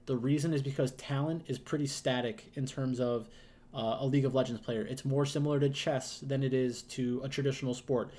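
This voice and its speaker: A man with a slightly hoarse, allergy-affected voice, giving casual unscripted esports commentary in a hesitant, rambling way with frequent pauses. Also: medium pitch, steady tone, dark tone. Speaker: YouTube host giving betting picks.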